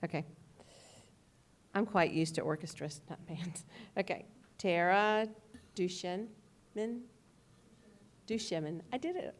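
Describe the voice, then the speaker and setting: Woman, school official, somewhat low voice, careful reader of names at a board meeting. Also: animated. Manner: measured, careful name reading. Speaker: school official presenting awards.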